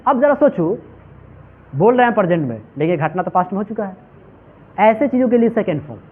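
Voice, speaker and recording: A man's voice: high-pitched, expressive, fast talker, husky. A male English teacher giving a classroom lecture, asking his students question after question and calling them "my children". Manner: repetitive call-and-response questioning. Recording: tinny phone-like audio.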